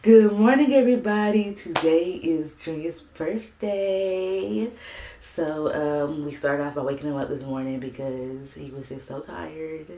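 Chatty young mom, echoey room. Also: female voice, low voice, unhurried, dark tone. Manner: chatty, loose, full of "like" and "um" fillers. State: a bit of morning voice. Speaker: parenting vlogger. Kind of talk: casual vlog chat to camera. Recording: echoey room, faint background noise.

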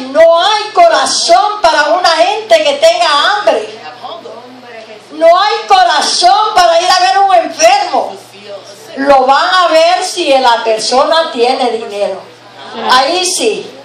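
A middle-aged woman preaching from a pulpit with a handheld mic, earnest and breaking into praise between points. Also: very high-pitched. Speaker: guest preacher. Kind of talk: sermon. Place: church sanctuary, at a pulpit. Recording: roomy church sound from a distant camera.

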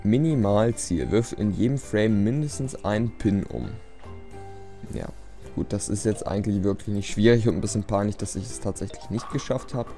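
This let's play commentator has a lowish, dark voice and moves at a normal speed. With game music behind him, he rambles through casual gameplay remarks, resigned and quick to poke fun at himself.

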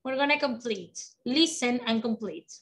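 A woman teaching English to children over a video call, encouraging and slow, switching between English and Spanish. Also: a little high, lively intonation, vocal fry. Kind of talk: online children's class.

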